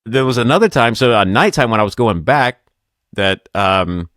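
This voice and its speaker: Low-voiced man telling stories, dry sound. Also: lively intonation, moderate pace, fairly bright tone, no room sound. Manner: storytelling, laughs often, stumbles and restarts. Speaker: podcast host. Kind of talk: casual chat.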